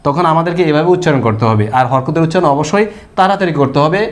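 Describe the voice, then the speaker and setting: A man's voice: a little high, expressive, rapid-fire. Man patiently drilling syllables in a lesson. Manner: asks questions and answers them himself. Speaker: Quran reading teacher. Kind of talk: recorded lesson on pronunciation.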